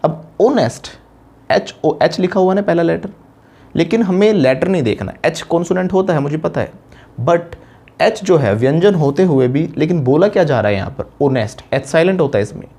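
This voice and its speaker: Indian man teaching English grammar, mellow. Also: fairly high pitch, animated. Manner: explains step by step, asks rhetorical questions, slows for English examples. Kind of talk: classroom-style grammar lesson.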